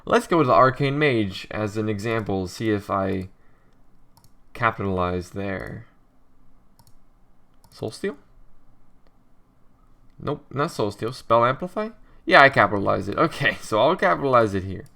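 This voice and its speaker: A drowsy young man talking through his code as he writes it, halting and correcting himself, with keyboard typing behind him. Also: on the low side, animated, vocal fry, sharp tone. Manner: thinks aloud, self-correcting, halting with many pauses. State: drowsy, just woke from a nap. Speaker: game developer coding tutorial host. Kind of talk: casual screen-recorded coding commentary.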